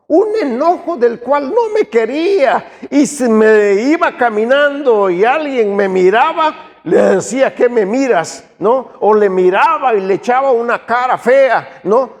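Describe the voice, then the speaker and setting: A man's voice: high-pitched, vocal fry, darkish tone. A middle-aged man, preaching an earnest sermon and addressing his listeners as dear brother. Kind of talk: sermon testimony. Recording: long hall reverb.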